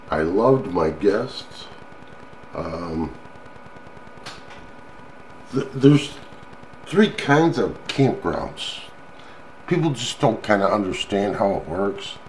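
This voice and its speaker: An older man with an American accent and a lowish voice talks slowly and haltingly, in a folksy, rambling chat to his listeners. There is some noise behind him. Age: older, grandfather. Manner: folksy, chuckling, halting delivery. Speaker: vlogger. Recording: clearly noisy background.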